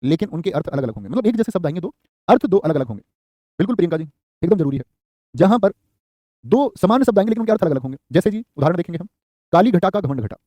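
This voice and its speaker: High-pitched and dark, with no room sound, a man conducts a live online class for exam prep. He repeats key phrases rapidly for students to write down and replies to them by name.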